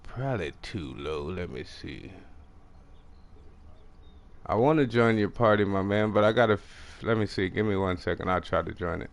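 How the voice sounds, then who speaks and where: Deep-voiced man with a country Texas accent. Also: animated, vocal fry. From Texas, USA. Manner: fast mumbling talk with restarts. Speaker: gaming streamer. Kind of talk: casual gameplay commentary.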